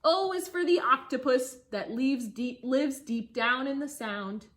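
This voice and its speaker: Reading a rhyming picture book to children, this woman teacher uses a high-pitched, fairly bright singsong voice. She stops now and then for brief asides that draw her listeners in.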